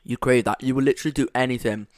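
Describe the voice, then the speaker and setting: Smooth, dry-sounding young man chatting. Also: mid-range voice, steady tone, rapid-fire, no room sound. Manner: rambling, enthusiastic, full of fillers. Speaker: podcast co-host. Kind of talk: casual chat. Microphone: close to the microphone.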